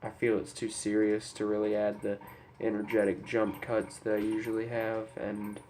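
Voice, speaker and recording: A young YouTuber with a head cold talks unscripted into his camera microphone, apologetic toward viewers, somber and hesitant. His congested, stuffy voice sits on the low side, totally flat, a little mellow, at a moderate pace, with a little hiss or hum.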